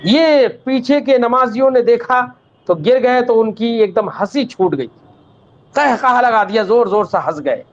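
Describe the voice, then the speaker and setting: A man teaching an Islamic law lesson. He recites Arabic text, then explains it patiently, calls the students "child" and checks that they understood. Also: very high-pitched. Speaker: religious teacher. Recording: dull lo-fi recording.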